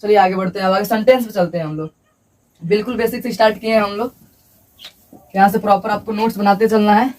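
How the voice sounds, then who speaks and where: A man's voice: sits high, steady tone, fast talker, long pauses, darkish tone, recorded from a distance. A male teacher giving a classroom lecture at a board, repeating points and asking and answering his own questions.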